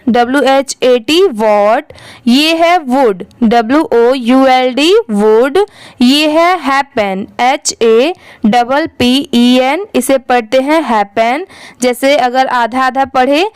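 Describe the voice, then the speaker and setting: A woman's voice: high voice, smooth, no room sound. A woman teaching English reading, spelling each word out letter by letter, blending the parts, and putting questions to the viewer. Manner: spells words letter by letter, then blends them; asks rhetorical questions to the viewer. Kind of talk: slow spelling-out lesson.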